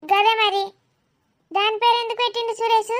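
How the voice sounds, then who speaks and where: A woman's voice: extremely high pitch, level tone, a little fast, fairly bright tone. A woman playing a blunt, scolding older village mother, teasing and mocking in a rustic way. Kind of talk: comedy skit acting.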